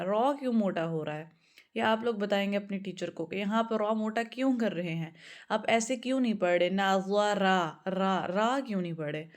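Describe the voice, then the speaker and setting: A woman teaching a recitation lesson who explains calmly, checks in often with a questioning "okay?", and talks. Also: medium pitch. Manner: patient, drills letters slowly and repeats them.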